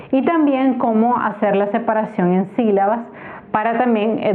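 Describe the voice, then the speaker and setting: Patient Spanish teacher woman, tinny sound. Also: mid-range voice. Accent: Nicaraguan Spanish. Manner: patient, spells out syllables slowly. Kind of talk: explaining a grammar tutorial. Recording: tinny phone-like recording.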